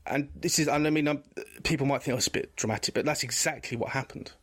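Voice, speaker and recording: A man's voice: mid-range voice, quick pace, fairly bright tone, breathy edge. A man, a podcast guest telling a personal story candidly, rambling with frequent restarts. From England.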